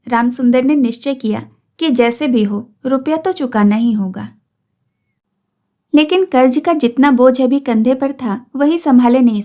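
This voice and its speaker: High-pitched lady narrating a story, steady measured reading. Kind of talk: read-aloud story narration.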